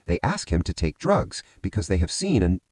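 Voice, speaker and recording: Telling a film's plot as a story, this man keeps addressing his audience as friends, his intonation rising and falling with energy. His voice sits low, he speaks at normal speed, and there's no room sound.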